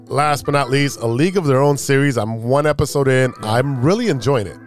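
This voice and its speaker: A man co-hosting a podcast, chatting in a relaxed, easygoing way. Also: medium pitch, brisk, faint music behind. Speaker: podcast co-host. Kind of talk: casual podcast banter.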